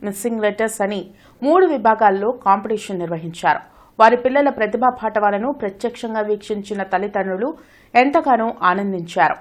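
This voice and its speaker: A woman reading local news reports in a formal, scripted manner. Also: medium pitch. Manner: brisk, formal delivery. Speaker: news reader.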